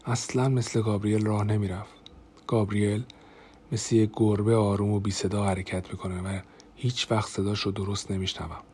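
A man narrating a first-person diary audiobook in a steady, even manner. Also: fairly low pitch, husky.

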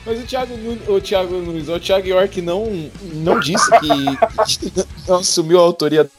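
A man's voice: sits high, a little slow, over music. A man in his twenties hosting a podcast, chatting casually and joking, with many restarts. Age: 20s. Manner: jokey, laughing, rambling with restarts. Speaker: podcast host.

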